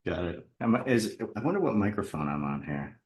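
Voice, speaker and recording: A man's voice: deep voice, big pitch swings, fairly quick, a little mellow, husky. A congested man with a rattly chest-cold voice hosts a casual online meeting, jokey and rambling. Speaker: host of an online community meeting.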